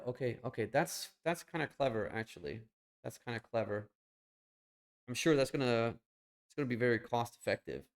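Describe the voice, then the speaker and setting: A young man streaming live, chatting bluntly with some swearing while he thinks aloud and clicks through his screens. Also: mid-range voice. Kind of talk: casual live stream chat.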